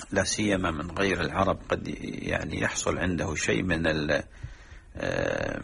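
Man, religious lesson, very low voice, gravelly, husky, explanatory. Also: fairly bright tone. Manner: explanatory, sounds out examples of call-to-prayer mistakes. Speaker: religious teacher.

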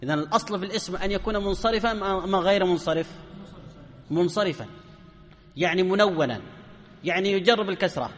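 A man's voice: high-pitched, quick pace, pauses often, a bit bright, in a large hall. A man teaching a grammar lesson to a class, often asking questions and answering them himself.

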